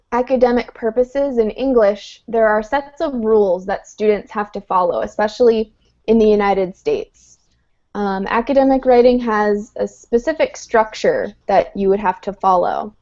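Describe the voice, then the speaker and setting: During a live online English lesson, a woman patiently walks through the material step by step, with frequent "um"s. Her voice is fairly high, a little mellow, and moderately paced. The call audio is dull and lo-fi.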